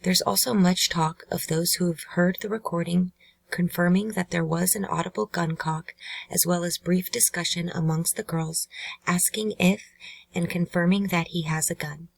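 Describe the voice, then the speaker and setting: A woman hosting a true crime channel, giving measured, earnest scripted narration. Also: on the low side, steady tone, gravelly, no echo, low-quality recording.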